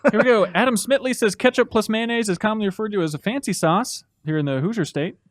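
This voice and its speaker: A man's voice: high voice, fast, no echo, studio quality. A man hosting a casual gaming podcast, reading listener letters aloud in a playful, teasing way and laughing often. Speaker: podcast host.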